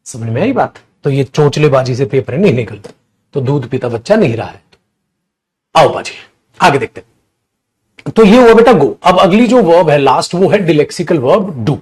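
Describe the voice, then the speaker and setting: A man lecturing a grammar coaching class with a slightly high voice. He calls his students children in a coaxing, familiar way. He leaps up in pitch and volume whenever he drives a point home. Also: animated, moderate pace, breathy edge. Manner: addresses students as beta, coaxing and emphatic; jumps higher and louder to stress points. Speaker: English grammar teacher.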